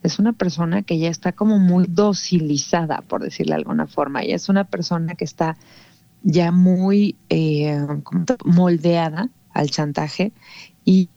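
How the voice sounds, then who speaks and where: Lady guest explaining stuff patiently, lowish warm voice, dull lo-fi audio. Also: animated, normal speed, no echo. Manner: patient, explaining with many rhetorical "¿no?" tags. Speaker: guest speaker on emotional topics. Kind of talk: explanatory conversation.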